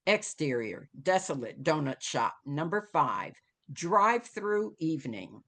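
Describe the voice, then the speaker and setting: A woman narrates scene headings and action from a screenplay in a dramatic storytelling style, taking her time. Her lowish voice is fairly bright and sing-song, rising and falling expressively.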